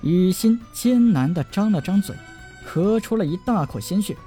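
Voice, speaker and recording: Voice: medium pitch, lively intonation, mellow, soft background music. A narrator reading a serialized audiobook chapter with emotive, dramatic delivery. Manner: emotive storytelling with drawn-out endings.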